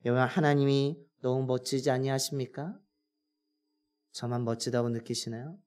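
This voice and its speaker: A pastor preaches a Sunday sermon in a middle-pitched voice. The pastor throws rhetorical questions to the congregation and acts out quoted pleas and answers with growing force. The ends of sentences fall away softly. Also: fairly even intonation, moderate pace.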